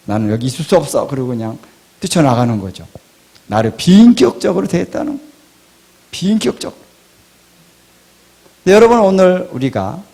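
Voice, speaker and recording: Man, pastor, sermon, gravelly, dark tone, rhetorical questions. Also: fairly high pitch. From Korea. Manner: rhetorical questions, swings from loud to hushed.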